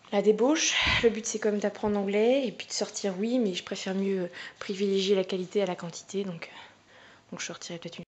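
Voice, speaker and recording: A woman's voice: medium pitch, a little mellow, breathy edge. A young woman chatting casually while giving a tour of her home, with plenty of fillers and asides. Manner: chatty, coos at her dog. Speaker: vlogger.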